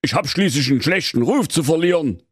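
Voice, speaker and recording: A man's voice: fairly high pitch, animated, a little fast, breathy edge, no echo, clean studio sound, pitched above the performer's own voice. A man voicing a cowardly, whiny big bad wolf, nervous and blustering.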